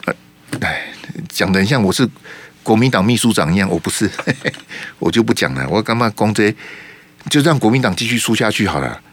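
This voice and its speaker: A man's voice: on the low side, expressive, a little fast, slightly rough. A man with a Taiwanese Mandarin accent hosting a radio talk show, giving emphatic political commentary full of rhetorical questions into a studio mic.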